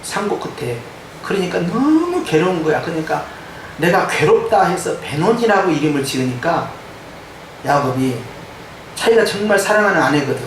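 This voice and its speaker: Animated male pastor preaching in echoey church. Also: high-pitched, moderate pace, a little hiss or hum. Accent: Korean, some Jeolla dialect. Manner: animated preaching, mimicking quoted voices. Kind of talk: sermon. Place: church sanctuary. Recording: echoey church hall from far off.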